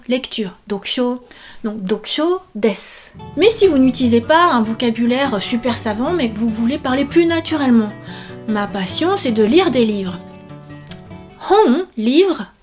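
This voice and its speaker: A woman teaching a language lesson, explaining grammar patiently and repeating example phrases slowly. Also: high-pitched, a little mellow.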